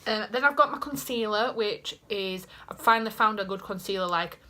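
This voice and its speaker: Chatting to a desk-height camera placed in front of her, a young Yorkshire woman vlogs about beauty from her small bedroom, rambling and teasing herself along the way. She speaks at a moderate pace in a mid-range voice with a sharp tone.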